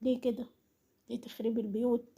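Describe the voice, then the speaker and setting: A woman with an Egyptian Arabic accent delivers a reproachful vlog monologue and hammers the same accusing questions again and again. Her voice sits somewhat high but sounds mellow and warm, with a husky, breathy edge. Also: little pitch movement, quick pace. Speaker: vlogger commenting on an online family feud. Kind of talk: scolding monologue.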